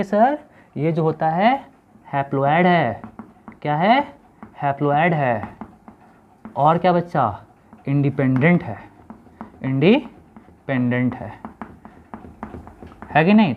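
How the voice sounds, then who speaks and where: A man teaching biology to students, asking questions and repeating key terms slowly for them to remember. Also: on the high side, slight background noise. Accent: Hindi-English code-switching. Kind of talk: classroom lecture. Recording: tinny phone-like lo-fi audio.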